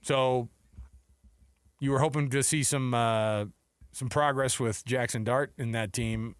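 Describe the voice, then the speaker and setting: A smooth, mid-range voice with fairly even intonation and an unhurried pace belongs to an American man co-hosting a sports radio show. His casual sports talk runs through the news with jokes and acted-out imagined quotes, recorded in clean studio sound without echo.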